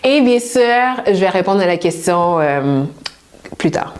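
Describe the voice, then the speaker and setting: A woman's voice: on the low side, expressive, unhurried, a little mellow. A young woman from Canada with a Québécois accent, answering questions in a casual vlog, chatty and hesitant with fillers. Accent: Québécois French. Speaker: YouTube host.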